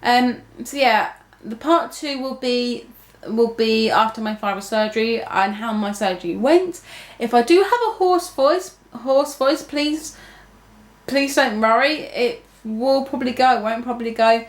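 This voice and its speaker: At a measured pace and in a slightly high voice, a young vlogger rambles casually to her viewers with frequent fillers and restarts. The recording has the echo of the room.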